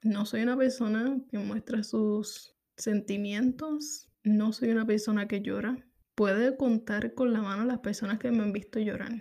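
A woman's voice: mid-range voice, steady tone, a little slow, dark tone. A woman in her thirties from Puerto Rico with a Puerto Rican Spanish accent, hosting a podcast in a candid, reflective personal monologue. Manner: candid, reflective, repeats phrases. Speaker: podcast host.

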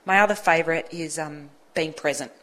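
A woman's voice: sits low, brisk, a bit bright, rough recording. A woman, a radio guest speaking earnestly and explaining her ideas with emphasis. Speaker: guest on a radio talk show. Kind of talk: conversational advice talk.

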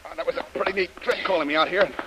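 A man's voice: high-pitched, very fast, heavy background noise, close to an everyday voice. A man playing a cocky adventure hero. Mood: defiant. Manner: bold, teasing under pressure. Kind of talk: 1930s radio drama acting.

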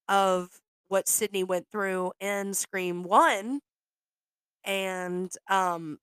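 A woman's voice: mid-range voice, pushed and bright, clear, resonant tone, dry recording. A woman co-hosting a podcast, chatting casually and with enthusiasm. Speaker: podcast co-host. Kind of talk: casual chat.

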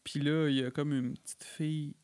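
A man's voice: on the high side, level tone, a little fast, darkish tone, no room sound. A man with a Quebec French accent chatting casually about a film, chiming in and dropping English phrases. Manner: chimes in, sprinkles English phrases.

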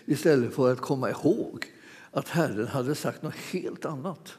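A man's voice: medium pitch, darkish tone. A man preaching a sermon, telling a story in a chatty, laughing way with many restarts. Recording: hall reverb.

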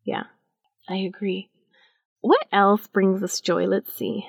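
A woman's voice: mid-range voice, takes it slowly, gravelly, husky, no room sound. A woman hosting her own podcast, joking playfully in a casual chat. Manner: playful, joking, animated asides. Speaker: podcast host. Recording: dull lo-fi dry sound.

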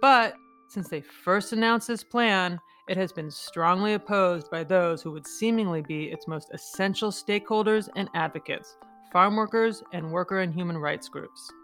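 A woman's voice: fairly low pitch, fairly bright tone. A woman narrating a scripted podcast introduction as its host. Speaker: podcast host, advocacy group director.

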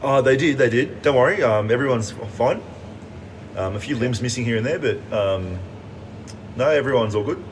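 A man's voice: medium pitch, expressive, normal speed, noisy background. A man chatting casually as a podcast guest, telling stories in a hesitant, wry, understated way.

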